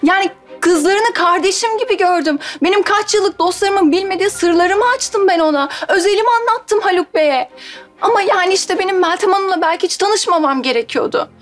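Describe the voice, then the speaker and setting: Sitcom schemer: very high, self-pitying, faint music behind. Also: female voice, moderate pace. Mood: plaintive. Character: Tutku, scheming young woman playing the victim. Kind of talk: TV sitcom acting.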